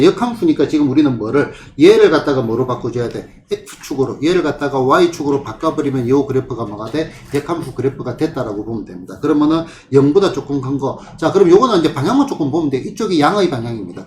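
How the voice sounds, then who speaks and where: A man's voice: fairly high pitch, darkish tone. A male math tutor working through problems and checking in with rhetorical questions. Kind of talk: classroom problem walkthrough. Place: tutoring classroom. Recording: echoey room with faint ambient noise.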